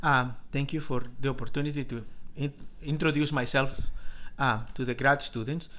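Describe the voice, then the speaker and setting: A middle-aged man from Colombia, a professor telling his life story in an interview, halting with many restarts. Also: mid-range voice, fairly even intonation, a bit bright. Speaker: professor, guest.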